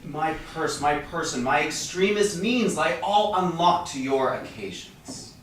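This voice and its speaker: A man as high-pitched Antonio, distant, echoing. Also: lively intonation, unhurried, a bit bright. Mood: earnest, generous. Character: Antonio, generous, devoted merchant of Venice. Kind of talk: Shakespearean staged reading. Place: reverberant room, staged reading. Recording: echoey room, distant mic, faint noise.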